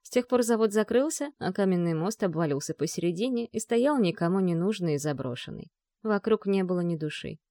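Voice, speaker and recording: A woman narrating a novel with a measured, expressive reading. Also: fairly low pitch, no echo, clean studio sound. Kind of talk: audiobook narration.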